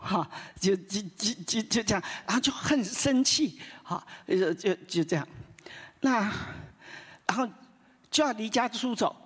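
A woman pastor telling a story in a sermon, in a conversational way, often tagging her phrases with a soft "ha" and restarting her sentences. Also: medium pitch, unhurried, husky. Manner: lively retelling with many restarts. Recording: long hall reverb.

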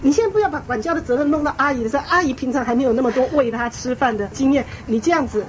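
A woman with a high voice lectures an audience on raising children. She talks in a lively, emphatic way, repeating key phrases and breaking into small laughs. Faint background noise sits under her voice. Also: rapid-fire, highs cut off. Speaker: parenting speaker.

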